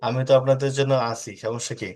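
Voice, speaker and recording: A man leads an online English lesson with a patient, unhurried delivery, saying each word again and again so students can drill it. His voice sits at an ordinary middle pitch. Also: level tone, darkish tone. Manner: patient, repeats words slowly for drilling. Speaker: English tutor. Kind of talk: online class teaching.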